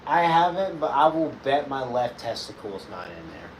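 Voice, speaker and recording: Profane joking man, lively voice. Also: medium pitch, moderate pace. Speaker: streamer playing a game. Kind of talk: casual crude banter. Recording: echoey room with background noise.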